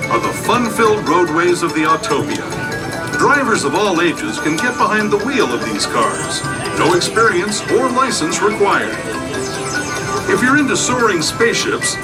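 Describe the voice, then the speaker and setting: A man's voice: high voice, big pitch swings, moderate pace. A man playing a friendly railroad tour guide, narrating a scripted theme-park ride in a folksy storytelling way. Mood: friendly guiding. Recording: distant train speaker under loud music.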